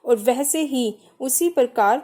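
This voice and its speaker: A young woman with a slightly high voice leads a grammar lesson. She talks slowly and patiently, saying each letter sound on its own so learners can repeat it. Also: mellow. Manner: patient, spells out sounds one by one. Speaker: teacher.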